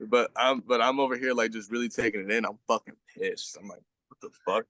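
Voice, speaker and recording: A man's voice: mid-range voice, fairly even intonation, quick pace, a bit bright, dry recording. A man in his twenties, a guest on a podcast, telling stories in casual, slangy speech full of fillers and swearing. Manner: slangy, profane storytelling with many fillers. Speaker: guest, baseball pitcher.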